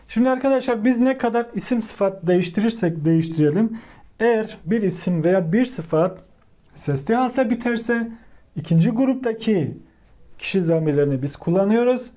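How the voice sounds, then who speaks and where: Slow, patient man teaching grammar. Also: sits high, warm tone. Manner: repeats words slowly, drills each form, keeps addressing viewers. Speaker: language teacher. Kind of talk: step-by-step grammar lesson.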